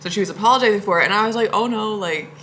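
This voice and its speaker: A woman's voice: medium pitch, racing, a bit bright, slight background noise. A woman vlogging from her home, telling rambling stories in a chatty way and laughing often. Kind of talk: casual storytelling vlog.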